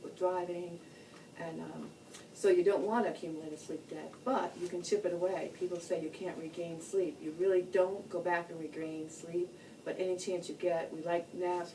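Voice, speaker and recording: A woman's voice: fairly low pitch, dark tone. A woman giving an informal, plain-spoken educational talk about health, explaining things in a loosely structured way. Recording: distant mic, noticeable background noise.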